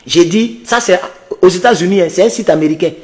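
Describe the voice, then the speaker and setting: A man who reads an English article slowly, translates it into for his viewers and comments with impassioned rhetorical questions. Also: high voice. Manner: repeats refrains to address his viewers. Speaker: political commentator.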